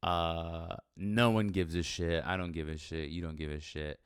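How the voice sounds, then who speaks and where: A man with a low voice speaks at a moderate pace with little pitch movement, and the sound is clean, echo-free and studio quality. As a first-time solo podcaster or vlogger in a sparsely furnished room, he rambles casually and unscripted, blunt, self-deprecating and swearing often.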